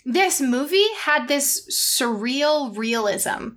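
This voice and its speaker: A woman co-host talks eagerly about a movie she loved, in casual chat. Her voice sits high and bright, and she rushes through her points in quick bursts and slips into playful impressions of the characters. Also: expressive. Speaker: film podcast co-host.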